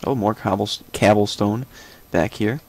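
Gravelly young man rambling over gameplay. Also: fairly low pitch, animated, normal speed. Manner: rambling, thinking aloud with many fillers; joking asides. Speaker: gameplay commentator. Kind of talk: casual let's-play commentary.

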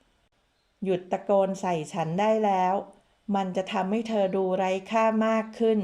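A cold, domineering husband who speaks with quiet contempt, read by a woman in an audiobook. The tone is soft and mellow rather than harsh, and the delivery is an audiobook reading of a romance novel. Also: mid-range voice, little pitch movement, unhurried, close to an everyday voice. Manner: contemptuous, menacing. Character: cold vengeful domineering husband, grown man.

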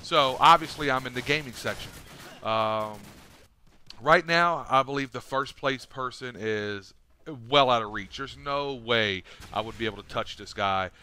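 Bright, clear-voiced man rambling in a gaming vlog. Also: medium pitch, unhurried. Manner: rambling, full of fillers and restarts. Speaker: gaming YouTuber. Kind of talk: casual gaming vlog commentary.

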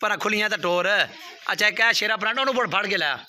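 A man hosting a casual outdoor video and haggling in a brisk, bossy way. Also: sits high, bright, forceful tone, slight background noise. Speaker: livestock dealer and video host. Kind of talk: casual on-camera bargaining. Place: outdoor farmyard.

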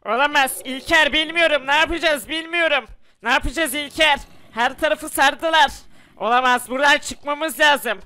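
A man's voice: extremely high pitch, moderate pace, sharp tone, heavily acted. A man voicing an anxious young survivor trapped in a house by zombies, who keeps scolding his friend. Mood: worried. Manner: anxious, scolding, repeats the other's name.

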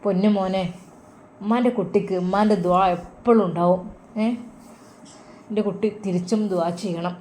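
A woman plays a tender, anxious mother in a storybook, with a lilt. She soothes and pleads in a soft, slightly raised voice. A faint hiss sits under it. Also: mid-range voice, steady tone, moderate pace, pauses often, natural voice.

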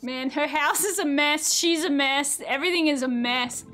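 A woman streaming a life sim game, chatting casually, swearing a lot and laughing loudly. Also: high voice, moderate pace, faint music behind. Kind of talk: casual gameplay commentary.

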